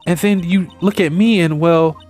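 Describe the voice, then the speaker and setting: A man's voice: fairly high pitch, fairly even intonation, normal speed, a little mellow, soft background music, pitched above the performer's own voice, close to an everyday voice. A man voicing a young woman, an earnest and upset spirit medium, reading game dialogue aloud in a raised girlish voice.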